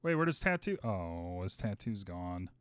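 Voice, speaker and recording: A man's voice: sits low, sing-song, unhurried, smooth, no room sound. A man streaming a roleplay game, chatting casually with his viewers, exclaiming and swearing at the chaos. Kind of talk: casual out-of-character chat with viewers.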